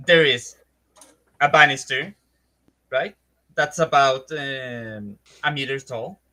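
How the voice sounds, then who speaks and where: A man's voice: medium pitch, fairly even intonation, takes it slowly, bright, forceful tone. A man with a wry, amused way of talking, casually game-mastering a tabletop fantasy game.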